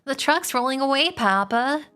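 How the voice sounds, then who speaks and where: A woman reading aloud and voicing an excited young girl with a high, urgent voice. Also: moderate pace, faint music behind.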